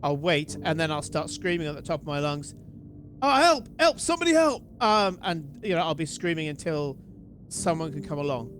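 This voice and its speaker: A man with a British accent, casually describing his character's actions in a tabletop game, halting and swearing. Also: fairly high pitch, fairly even intonation, slight background noise. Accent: British English. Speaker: player.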